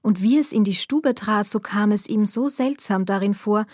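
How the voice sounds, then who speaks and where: A woman's voice: mid-range voice, no room sound, clean studio sound. Woman reading a fairy tale aloud. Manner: calm, measured storytelling. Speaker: narrator.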